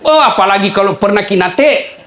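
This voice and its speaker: A man's voice: high voice, animated, normal speed, background noise. A man preaching a humorous sermon with a Makassar Indonesian accent, joking and acting out dialogue in changed voices.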